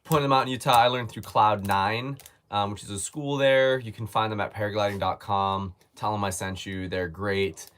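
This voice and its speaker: A man hosting a laid-back live chat responds to viewers' questions in a smooth, lowish voice at a moderate pace. He sounds easygoing and thoughtful, sometimes starting a phrase over as he works out what to say.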